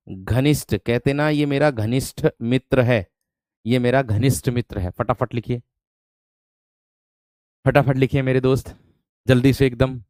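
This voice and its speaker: A man's voice: mid-range voice, darkish tone, clear, resonant tone, dry recording, clean studio sound. A man teaching a live online spelling class, often repeating words and asking rhetorical questions while calling his students "my friend".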